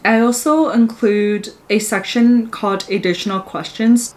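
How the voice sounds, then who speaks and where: A woman's voice: mid-range voice, slight background noise. Upbeat young woman explaining study notes. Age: young adult. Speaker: pharmacy student vlogger. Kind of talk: study tips screen walkthrough.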